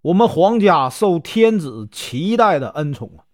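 A man's voice: a little high, sing-song, a little slow, darkish tone. A male storyteller voicing a stern, furious old general scolding his son in a spoken story. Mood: angry scolding. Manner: scolding, indignant.

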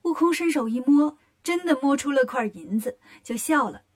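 A woman narrating a children's story in a lively, expressive way. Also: sits high, normal speed.

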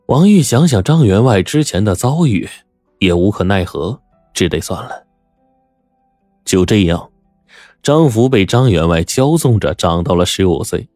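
A male storyteller with a deep voice tells a folk tale in a lively, colloquial way. The sound is dry and close, with faint music in the background. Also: dry recording. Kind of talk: scripted narration.

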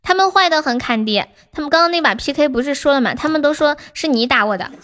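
High-voiced playful woman streamer. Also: lively intonation, fast talker. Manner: playful, cutesy, melodramatic pleading. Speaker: live streamer. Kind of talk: casual livestream chat. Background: background music.

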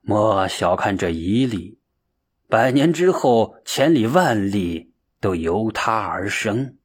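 A man putting on a slow, husky old Chan master. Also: expressive, exaggerated voice. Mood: solemn. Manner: slow, low, teasing. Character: jovial elderly male Chan master, cryptic and playful.

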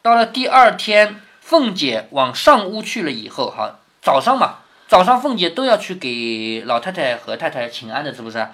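A man reads a classic novel aloud to his daughter, stopping often to explain. He keeps checking in with rhetorical questions. His pitch swings in a lively way. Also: moderate pace, few pauses. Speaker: father reading to his daughter. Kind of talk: reading aloud with commentary.

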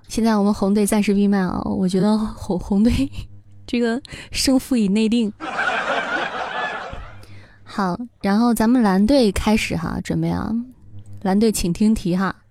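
A woman's voice: medium pitch, steady tone, a little slow, long pauses, mellow, no echo. A woman hosting a live-streamed party game in casual talk, playful and often laughing. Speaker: livestream host. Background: background music.

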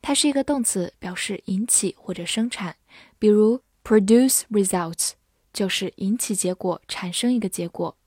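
A young woman teaching English vocabulary, spelling out words letter by letter and reading example sentences slowly. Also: medium pitch, darkish tone, husky, no room sound, clean studio sound. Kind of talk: vocabulary lesson.

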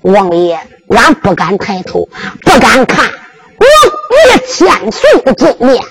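A woman's voice: fairly high pitch, big pitch swings, takes it slowly, pitched below the performer's own voice, full character voice. A woman storyteller with a Henan accent voicing a humble young male warrior who pleads tearfully before a prince. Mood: pleading.

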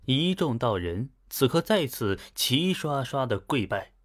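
A man narrating a novel as an audiobook, with chatty, lively asides. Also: medium pitch, unhurried. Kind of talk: audiobook storytelling.

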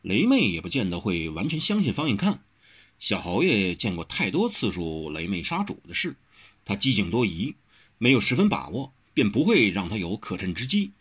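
A man voicing a calm, thoughtful young swordsman who explains things in a measured way, in a storybook reading. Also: on the low side, breathy edge, full character voice.

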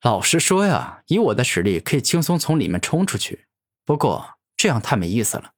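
A mocking young male hero, played by a man in a fantasy audio story. He taunts his foe with cool self-assurance, and his voice is lively and full of swings. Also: mid-range voice, fairly quick.

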